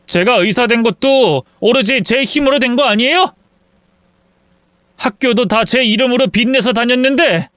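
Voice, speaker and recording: A fed-up grown son, as a man acts him out, blunt and worn down as he argues with his parents. The voice is smooth and fairly high for a man. The sound is close and dry. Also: moderate pace, no echo. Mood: angry. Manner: pleading, then sharp and blunt.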